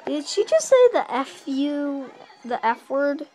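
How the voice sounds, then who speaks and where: A woman's voice: high-pitched, takes it slowly. Chatty young woman narrating a handheld game. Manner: chatty, excitable, rambling asides. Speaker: gameplay narrator. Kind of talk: casual let's-play commentary. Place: small dim room indoors. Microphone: handheld camera filming a game screen.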